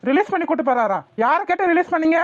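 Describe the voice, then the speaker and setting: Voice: extremely high pitch, expressive, fast, no echo. A voice actor playing an angry, unforgiving young man in a cartoon, heated and accusing. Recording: tinny phone-like dry audio.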